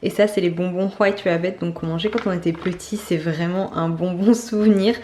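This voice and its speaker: Lower-voiced woman food vlogger. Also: steady tone, fairly quick, warm tone, a little hiss or hum. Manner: enthusiastic, gushing about food. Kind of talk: casual vlog narration.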